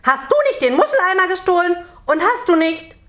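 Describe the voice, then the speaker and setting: A woman voicing a tiny grumpy male water sprite with shaggy green hair, indignant and loud in a storybook reading. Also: very high voice, very animated, fairly quick, reverberant, voice pushed up, heavily acted. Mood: accusing.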